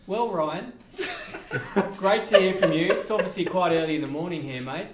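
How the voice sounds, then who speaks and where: A man's voice: high-pitched, normal speed, a crowd in the background. Man hamming up a mock Australian accent. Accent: mock Australian, put on. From Reading, England. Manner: hamming up a slangy Aussie act, calling everyone mate. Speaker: game developer on a live stream. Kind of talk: joking live-stream Q&A. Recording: roomy, faint background noise.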